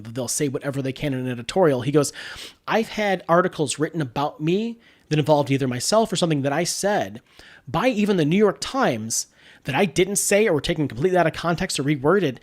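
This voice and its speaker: Male co-host, slightly high voice, blunt and opinionated, swears. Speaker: podcast co-host. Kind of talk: casual chat.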